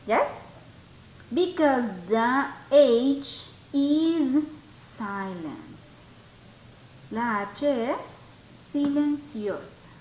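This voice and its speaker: A woman teaching a grammar lesson, patiently checking that her students follow and slowly repeating words for them to hear. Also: high voice, fairly bright tone, echoey room, slight background noise, rough recording. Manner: patient, checks understanding often. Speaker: English teacher.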